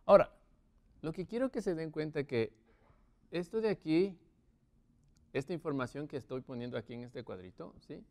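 A man teaching English to Spanish speakers, slowly drawing out each model phrase as he explains at a board. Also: a little high, animated, vocal fry, darkish tone.

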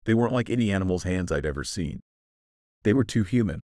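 A man with a very low, deep voice tells a horror story in the first person, grave and full of suspense. The recording is close and completely dry, with no room sound at all. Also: expressive, fast, dark tone, no echo. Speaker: narrator.

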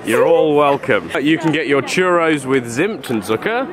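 A man doing a mock tour-guide spiel at an outdoor Christmas market, deadpan and jokey, mangling German words. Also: on the high side, moderate pace. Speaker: vlogger's companion. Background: loud crowd.

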